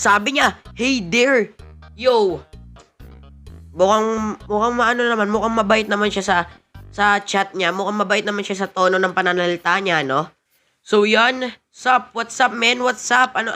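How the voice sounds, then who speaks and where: A woman giving excited gameplay commentary, mixing Tagalog and English and shouting "yo" often. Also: medium pitch, moderate pace, soft background music. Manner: excitable, mixes Tagalog and English, frequent "yo" exclamations. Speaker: gaming channel host.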